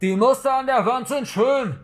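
A man voicing a crazed young man in a horror story, who chants the same sentence over and over in a shrill, manic way. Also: moderate pace.

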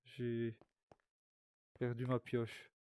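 A man's voice: mid-range voice, monotone, very slow, a little mellow, no room sound. Streamer, young man, loose rambling VR gameplay chatter, swears a lot. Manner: rambling, swears often, talks to viewers. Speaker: streamer playing a VR game. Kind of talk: casual gaming commentary.

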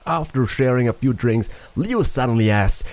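A man's voice: medium pitch, animated, normal speed, a little mellow, lightly acted. A man reading a male traveler's diary aloud in an attempted French accent, stumbling over some words. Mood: earnest. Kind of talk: reading in-game text aloud.

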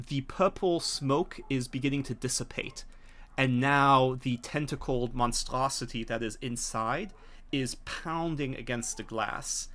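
Recorded indoors at home over a video call, a middle-aged game master narrates a tabletop session in a bright, forceful, medium-pitched voice. He explains haltingly and pauses often.

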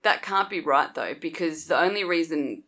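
A woman co-hosts a casual chat. Her voice sits a little low but moves very expressively, and she answers quickly. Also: animated, fairly bright tone. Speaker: podcast co-host.

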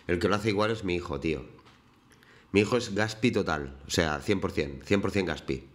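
A man's voice: sits low, normal speed. Chatty man hosting a live stream. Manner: chatty, greets viewers by name. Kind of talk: casual chat while painting on stream.

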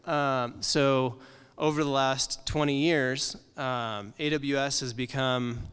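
A man's voice: mid-range voice, fairly even intonation, slow pace, fairly bright tone, smooth, big-room sound. A man in his thirties giving a conference presentation from slides in a library meeting room, talking casually with frequent ums and uhs. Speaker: conference speaker.

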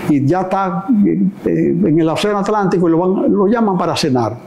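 An older man with a Dominican accent tells history in an interview, lively and theatrical, acting out dialogue as he goes. His voice sits slightly high, and a faint room noise stays under him on a lapel mic. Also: a little fast, vocal fry. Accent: Dominican Spanish. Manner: animated storyteller, acts out dialogue and gestures broadly. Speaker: guest historian. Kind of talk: storytelling interview answers. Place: indoor living room set.

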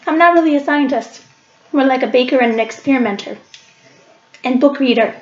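A woman's voice: sits high, fairly quick. A woman, chatting through each step of a home cooking demonstration in her kitchen, recorded on a webcam across the counter. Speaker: library cooking show host. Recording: echoey kitchen, dull lo-fi webcam sound.

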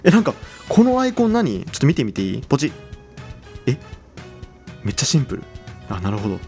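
A young man chatting casually as he plays a game, excitable and quick to exclaim over what he sees. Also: medium pitch, faint music behind. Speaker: game channel host.

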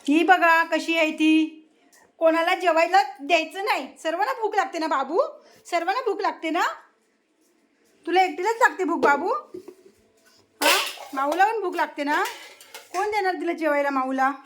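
A woman's voice: very high-pitched, moderate pace, pauses often, fairly bright tone, a little hiss or hum. A woman at home feeding her cat and dog, coaxing and scolding them in cooing baby talk, then greeting her viewers. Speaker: vlogger feeding her pets. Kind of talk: casual home vlog.

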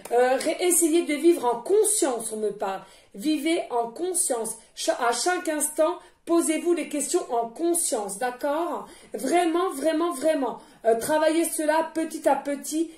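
A woman medium giving a spiritual card reading, gentle and repetitive, often checking in with "d'accord?". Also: high voice. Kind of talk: spoken spiritual guidance reading. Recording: echoey room.

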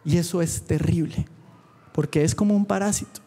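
A man preaching a sermon at a church youth meeting, fervent and dropping quick humorous asides. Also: on the high side, steady tone, mellow.

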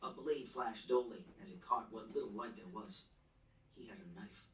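A man's voice: fairly low pitch, normal speed, a bit bright, slight background noise. A man reading a novel aloud in the first person, in a tense, earnest storytelling manner. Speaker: audiobook narrator. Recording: roomy echo, distant mic, faint ambience.

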